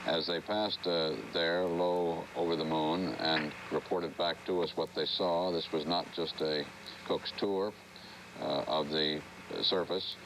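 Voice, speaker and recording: A man giving live explanatory news commentary, in measured, halting phrases. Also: low voice, fairly even intonation. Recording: noisy archival broadcast with radio static.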